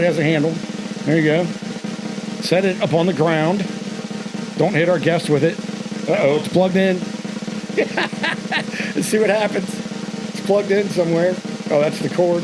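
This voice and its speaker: A man hosting a casual talk show, playful and hyping up a guessing segment. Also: sits high. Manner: playful, hypes up a game segment. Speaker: host.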